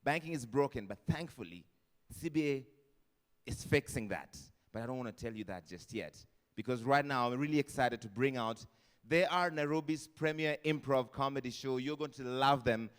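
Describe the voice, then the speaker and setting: A man's voice: medium pitch, lively intonation, normal speed. A man with a Kenyan accent hosting a live event, chatty and joking, mixing Swahili into his English. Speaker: event host. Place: event hall with a live audience. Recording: long hall reverb.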